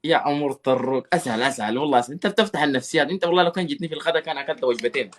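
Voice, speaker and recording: A man's voice: a little high, rapid-fire. A man with a Sudanese accent hosting a casual live stream, with teasing, rambling banter.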